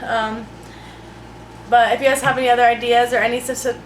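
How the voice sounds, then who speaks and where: Chatty young mom vlogger, echoey room. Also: female voice, fairly high pitch, little pitch movement, a little fast. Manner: chatty, many fillers like "like" and "um". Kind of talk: casual unboxing chat. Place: room at home. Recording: echoey room, faint noise.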